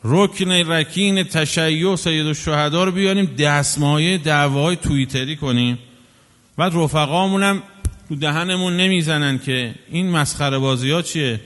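A man's voice: fairly high pitch, a bit bright. A man delivering an impassioned sermon, scolding and full of rhetorical questions. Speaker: preacher. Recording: long hall reverb.

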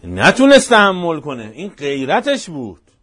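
A man preaching a religious sermon, telling stories emphatically and swinging between hushed and loud, passionate delivery. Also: fairly high pitch, huge pitch swings. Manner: repetitive, emphatic storytelling.

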